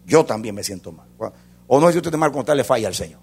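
A man preaching a sermon as a pastor, swinging between loud fervor and hushed intensity. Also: medium pitch, expressive, fast talker, slightly rough.

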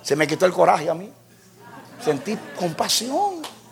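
Gravelly high-voiced preacher. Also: male voice, big pitch swings, unhurried. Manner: impassioned preaching with shouted peaks. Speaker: pastor. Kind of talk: sermon.

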